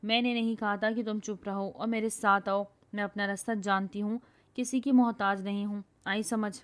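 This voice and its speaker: A woman's voice: medium pitch, fairly even intonation, natural voice. Storybook casting: a bossy, boastful young woman who scolds and quarrels at full voice, as a woman reader plays her. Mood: angry. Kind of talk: storybook reading.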